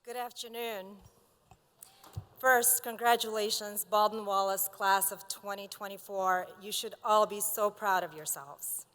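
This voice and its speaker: Woman, forties, from Azerbaijan; commencement speaker, mid-pitched, earnest, long hall echo. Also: fairly bright tone. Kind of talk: commencement speech. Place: large hall.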